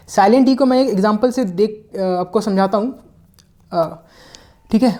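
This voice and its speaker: A man's voice: high-pitched, mellow. A male teacher explaining an English vocabulary lesson step by step. He often checks in with his listeners, mixes English words into his sentences, and sometimes corrects himself mid-word.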